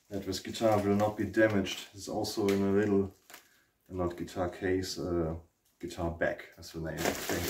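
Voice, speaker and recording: Heavy background noise surrounds this guitar channel host, a man in his forties from Germany with a German accent, as he does a casual unboxing vlog indoors in his living room. His voice sits on the low side, picked up by a camera mic far away in an echoey room, and he searches for words with frequent ums.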